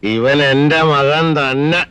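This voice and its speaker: A man's voice: mid-range voice, slow, a bit bright, smooth, no echo. An actor playing a middle-aged wealthy landlord and father, who talks down to others in a mocking, bossy way. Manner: mocking, domineering. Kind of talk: film dialogue.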